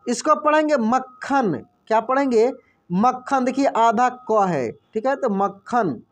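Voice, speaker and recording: A male teacher works through a reading lesson at a patient, unhurried pace. He sounds out each word slowly, repeats it, and stops often to ask what was just written. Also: very high voice, animated. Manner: spells out words slowly, repeats them, quizzes the listener. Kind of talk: classroom-style reading lesson.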